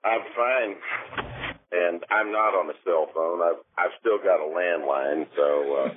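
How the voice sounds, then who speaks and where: A man's voice: low voice, a little slow. A man talking as a podcast guest, blunt and dry-humored, heard over a landline phone. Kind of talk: casual podcast chat. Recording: tinny phone line with faint hiss.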